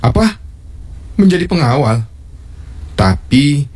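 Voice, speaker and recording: Man playing an imperious king with a husky voice. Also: lowish voice, a little fast, darkish tone. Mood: astonished. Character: stern, dismissive adult male king in his palace. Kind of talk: Indonesian historical drama dialogue.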